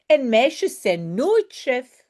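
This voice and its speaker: A woman's voice: high-pitched, sing-song, very slow, darkish tone, voice pushed up, heavily acted. A woman voicing a boastful, bossy little boy playing stationmaster in a children's story. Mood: stubborn. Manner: bossy, insistent.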